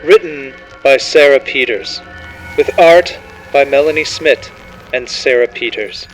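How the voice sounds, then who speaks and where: A man's voice: mid-range voice, a little slow, faint music behind, rough recording. A man reading a scripted horror story as narrator, in a dramatic, ominous storytelling manner.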